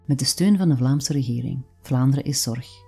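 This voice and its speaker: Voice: mid-range voice, normal speed, gravelly, warm tone, slightly rough, soft background music. A narrator with a Flemish accent reading a short personal story from a script.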